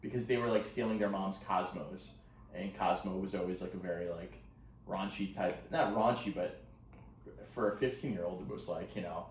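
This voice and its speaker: A man's voice: low-pitched, normal speed, recorded from a distance. A man co-hosting a podcast, chatting casually with wry, crude jokes and bursts of laughter. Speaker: podcast co-host. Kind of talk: casual chat. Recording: echoey room, somewhat off-mic, faint noise.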